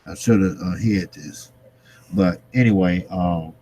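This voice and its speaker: A man's voice: low voice, warm tone, a little hiss or hum. A man hosting a casual boxing commentary for live viewers, speaking informally with slang and repeating his phrases for emphasis. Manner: repetitive, emphatic phrasing with trailing pauses; informal, slangy, occasional swearing. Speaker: boxing vlogger, host.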